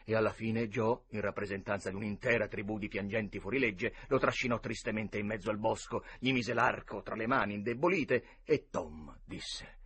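Husky man reading a storybook. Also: on the low side, moderate pace, few pauses. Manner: animated, dramatic. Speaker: audiobook narrator. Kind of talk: expressive storybook narration.

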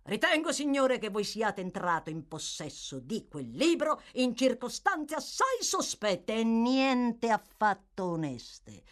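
In an audiobook, a woman voices a bullying, sneering male magistrate who barks loud, scornful orders. She pitches the character a little high, above her own natural voice.

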